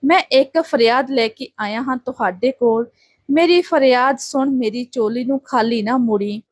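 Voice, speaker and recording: A woman's voice: on the high side, moderate pace, no room sound, close to an everyday voice. A woman voicing a distressed Sikh village father who begs and pleads through tears. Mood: pleading. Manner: begging, tearful appeals.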